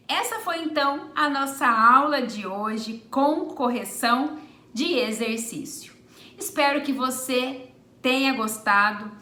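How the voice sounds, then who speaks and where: A woman's voice: fairly high pitch, pushed and bright. A woman teaching a Portuguese grammar lesson, explaining step by step and drawing out each example word. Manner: deliberate, stretches out example words. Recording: echoey room.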